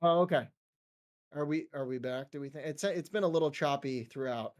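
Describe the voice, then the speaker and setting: A man's voice: fairly high pitch, brisk. A man hosting an online group call, his voice choppy and breaking up over a bad connection, upbeat and loose, restarting his words. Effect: choppy, breaking-up voice call audio. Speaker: community host. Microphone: online voice chat.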